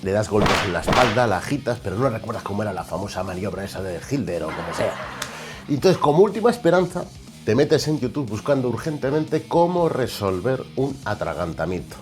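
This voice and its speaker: A man with a Spanish accent from Spain, hosting a show with an exaggerated comic monologue and mock shouting asides. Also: fairly low pitch, sing-song, fairly quick, over music. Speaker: host.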